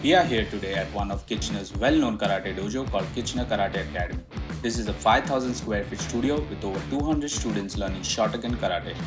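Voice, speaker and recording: A man with a lowish voice narrates from a script at a steady pace. Guitar music plays clearly behind him throughout. The read is even and informative. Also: quick pace. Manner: steady, read-aloud delivery. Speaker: show narrator.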